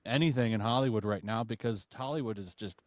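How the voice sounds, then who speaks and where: A man's voice: lowish voice, fast talker, darkish tone, dry recording, studio quality. A man hosting a casual live-stream panel chat, blunt and joking, laughing often. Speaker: stream host.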